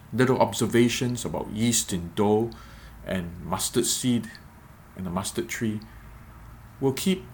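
A man giving a reflective devotional podcast talk as a preacher, measured and repeating phrases for emphasis. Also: medium pitch, slight background noise.

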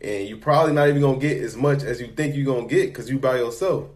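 A young man hosting a casual podcast, rattling off his thoughts at a quick clip. His talk is loose, slangy and full of casual swearing. His voice sits in an ordinary middle range. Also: mid-range voice. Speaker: podcast host.

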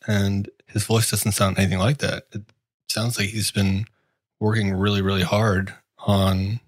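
A man's voice: lowish voice, no echo. A man co-hosting a casual sports podcast, talking in a sarcastic, wry and complaining way. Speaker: podcast co-host.

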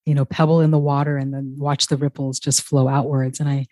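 Brief: woman podcast host, even delivery, dry close-miked sound, lots of affirmations. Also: a bass voice, brisk, dry recording. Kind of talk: podcast interview.

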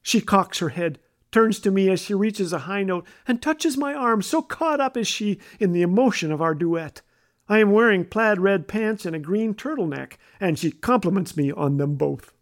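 A man's voice: sits high, lively intonation, normal speed. A man from Canada telling funny, self-mocking stories as a radio host. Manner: wry, self-mocking delivery. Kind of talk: humorous storytelling.

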